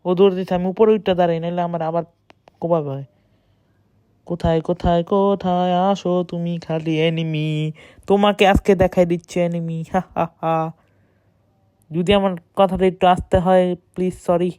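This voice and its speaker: A woman gives excited, boastful running commentary while playing a shooter game, speaking close to the mic. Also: fairly low pitch, normal speed, clean tone, no room sound. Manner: excited, boastful self-talk. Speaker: gamer streamer. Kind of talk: live gameplay commentary.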